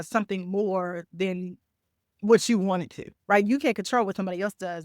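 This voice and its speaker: A woman's voice: on the low side, no echo, clean studio sound. A woman, a trauma recovery coach, giving advice in an interview in a conversational way, often checking in with "right?".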